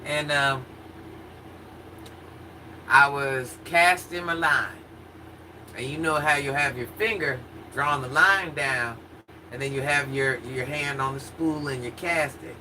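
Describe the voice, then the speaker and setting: An American woman with a naturally husky voice tells personal stories casually to a live chat in an animated, dramatic way. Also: extremely low pitch, slow pace, long pauses. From rural United States, country upbringing. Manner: animated, dramatic retelling with acted-out quotes. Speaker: livestreamer chatting with viewers. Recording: distant mic with faint background noise.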